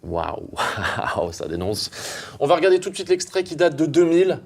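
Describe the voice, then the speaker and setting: A man hosting a comedy show, putting questions to a guest in a mock-solemn, deadpan way. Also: a little high, moderate pace. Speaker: host.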